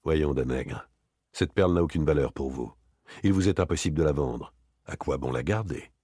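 A man's voice: sits low, expressive, moderate pace, darkish tone, husky, dry recording, studio quality. A man voicing a cold, relentless former police inspector, talking dryly, hard and with precision. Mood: quietly coaxing.

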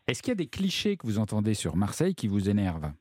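A male radio host presenting in a lively, upbeat way. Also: fairly low pitch, quick pace, breathy edge, no room sound. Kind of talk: radio show hosting.

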